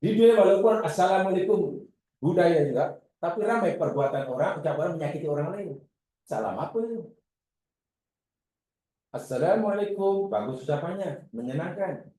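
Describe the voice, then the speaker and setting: A man giving a religious class lecture, animated and acting out his examples. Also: a little high, brisk. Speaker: religious teacher. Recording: echoey room.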